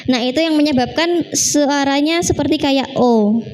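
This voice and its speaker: A woman's voice: sits high, normal speed, a little mellow, rough recording. A woman teaching a live Quran recitation class, patiently demonstrating sounds and correcting her students.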